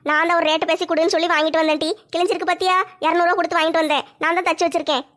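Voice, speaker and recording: A bossy, thrifty village mother, played by a woman, talking quickly in a very high voice. She scolds and tells stories bluntly, teasing those around her in a homemade comedy skit. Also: level tone, a bit bright.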